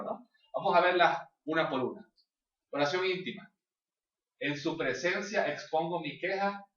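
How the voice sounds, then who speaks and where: A man's voice: on the high side, a bit bright. A man teaching a church course, explaining step by step and often checking in with his listeners. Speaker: Bible class teacher. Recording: distant, echoey, dull lo-fi room recording.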